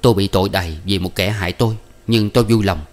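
A man playing a calm jailed husband. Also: fairly low pitch, quick pace, lightly acted. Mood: resigned. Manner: calm, resigned instructions.

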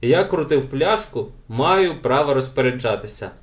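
A man's voice: mid-range voice, lively intonation, moderate pace, natural voice. A man voicing a self-assured ten-year-old boy in an audiobook, insisting on the rules. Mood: insistent.

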